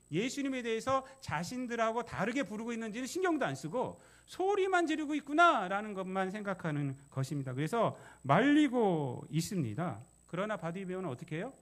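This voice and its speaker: A man's voice: high voice, fairly bright tone. A male pastor preaching a sermon, emphatic, repeating key phrases and putting questions to the congregation.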